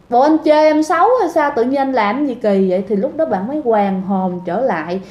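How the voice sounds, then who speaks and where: A woman's voice: a little high, a little mellow. A woman telling a ghost story in a chatty way, often addressing her listeners directly. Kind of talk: casual storytelling. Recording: echoey room.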